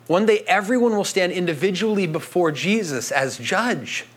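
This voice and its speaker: High-voiced man preaching a sermon. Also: animated, moderate pace. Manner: conversational preaching with frequent "right?" asides. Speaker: pastor.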